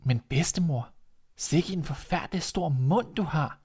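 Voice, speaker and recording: A man's voice: a little high, darkish tone, breathy edge, voice pushed up. A man voicing an innocent little girl in a storybook reading, with a wide-eyed, childlike manner. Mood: wondering.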